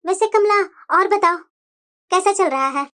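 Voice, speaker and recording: A woman's voice: extremely high pitch, moderate pace, a bit bright. A woman voicing a worried, weary middle-aged mother in a Hindi cartoon. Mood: fretful.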